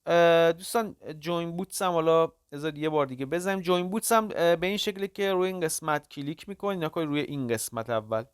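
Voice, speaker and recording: A host walks viewers through an app in a casual, step-by-step way, stopping often on filler sounds as they click along. The voice sits at a middle pitch and sounds close and dry, with no room around it. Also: clean tone, dry recording. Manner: talks step by step, halting with frequent "uh" fillers; addresses viewers as kids and friends. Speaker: crypto tutorial channel host. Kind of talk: casual screen-recorded walkthrough.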